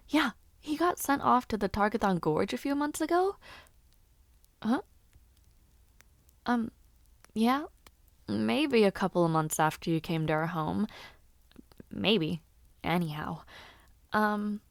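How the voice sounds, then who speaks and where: A woman with a natural, medium-pitched voice voices a gossip-loving young noblewoman in a roleplay aimed at the listener. The character is chatty, casual, and teasing, with frequent laughs. There's no echo.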